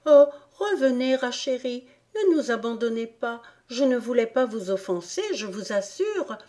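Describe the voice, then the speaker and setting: A woman's voice: lively intonation, measured pace, warm tone. A woman voicing a polite, dreamy young girl in a storybook, eager and pleading. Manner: eager, pleading, higher than her narration.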